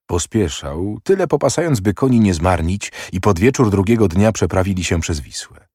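A man narrating a historical novel in a measured, steady audiobook reading. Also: deep voice, slightly rough, dry recording, clean studio sound.

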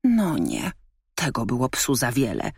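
A woman reading a children's story aloud, narrating in an expressive, lively way. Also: sits low, a little slow, husky, dry recording. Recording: dry close studio sound.

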